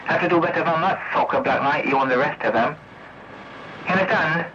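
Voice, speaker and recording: A man with a higher-pitched voice talks briskly over CB radio in a rambling, profane rant, accusing over and over and tossing out tag questions as challenges. The tape recording is noisy and muffled.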